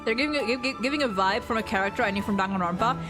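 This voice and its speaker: Stammering, high-voiced woman game streamer. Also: rapid-fire, over music. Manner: stammering, repeats words. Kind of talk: casual live game commentary.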